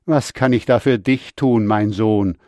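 A man voicing an old blind father who blesses his son in a solemn, measured scripture reading. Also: fairly low pitch, a little mellow, no room sound, studio quality, close to an everyday voice.

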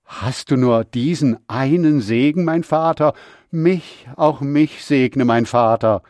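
A man voicing a bitter, desperate elder son in a scripture reading, his pitch lifting as he pleads. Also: slow pace, darkish tone, no room sound, clean studio sound, lightly acted. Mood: pleading.

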